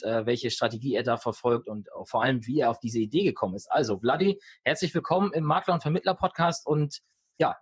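A man hosts an interview podcast in a relaxed, friendly manner. His voice is slightly husky and recorded dry and close, with no room sound around it. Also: medium pitch, no room sound. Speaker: podcast host. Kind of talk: casual interview hosting.

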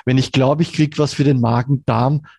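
A man in his forties with a Viennese accent, a brain researcher calmly explaining things as an interview guest. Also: mid-range voice, breathy edge, no echo. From Vienna, Austria. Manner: measured, calmly explaining with examples.

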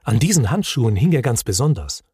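A man working as a care home receptionist, reading a story aloud in a friendly, expressive way. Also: medium pitch, fairly quick, husky, dry recording, studio quality.

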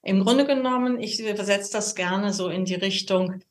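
A cheerful woman from Cologne, Germany, with a Cologne German accent, appears as a geomancy guest in a podcast interview, explaining things with lots of fillers. Her voice is medium-pitched at a moderate pace, recorded on a camera set-up.

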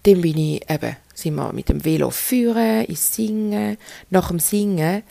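Her voice is fairly low, mellow and animated, with vocal fry, as this Swiss German-accented podcast host in her thirties delivers a candid, unhurried solo monologue directly to listeners. The recording is dry.

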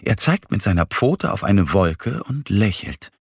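A man narrating a children's bedtime story in a slow, gentle, expressive way. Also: lowish voice, breathy edge, no room sound, clean studio sound.

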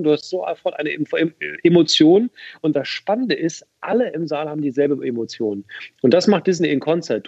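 A talkative man in his thirties, an event presenter, chats loosely as a guest on a casual podcast, restarting sentences and piling on fillers. His somewhat husky, darkish voice is a touch higher than most men's. The audio is dry and a little dull, like modest podcast sound, with no room sound.

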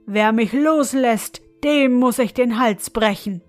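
A towering male spirit, put on by a woman reading a fairy tale, speaks with booming, haughty force. His voice sits high and loud. The storybook telling has faint music behind it. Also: slow. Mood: menacing. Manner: booming and haughty, later pleading. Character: huge proud male spirit trapped in bottle.

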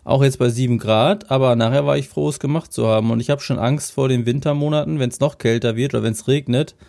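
A man's voice: medium pitch, fairly even intonation, quick pace, creaky, darkish tone. A man from Germany co-hosting a casual podcast chat, talking in a chatty, thoughtful way. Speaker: podcast co-host.

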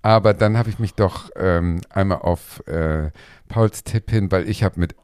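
Deep-voiced man chatting loosely. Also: unhurried, darkish tone, smooth, no echo, clean studio sound. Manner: rambling, self-correcting, laughs often. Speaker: podcast co-host. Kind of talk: casual chat.

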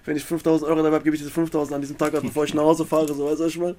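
A man's voice: fairly high pitch, level tone, racing, darkish tone, slight background noise. A young man chatting casually as a rapper guest, slangy, calling everyone "brother" and laughing often. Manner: slangy, says "Bruder" constantly, laughs often. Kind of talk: casual chat.

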